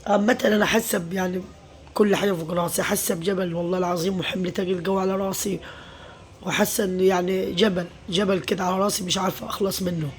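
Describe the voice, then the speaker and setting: A middle-aged Egyptian mother talks quickly to her viewers in a weary, venting way. She sprinkles her talk with pious phrases. A faint hum of room noise sits behind her. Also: fairly low pitch, fairly even intonation. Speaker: mother and home vlogger. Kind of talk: casual confiding vlog talk.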